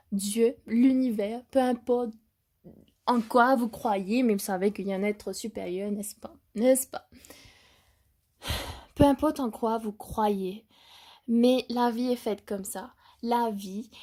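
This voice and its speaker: A young woman vlogging casually while travelling, chatty and excitable, who laughs often, mixes in English words and trails off mid-thought. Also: a little high. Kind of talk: casual motivational vlog. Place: travelling in South Africa.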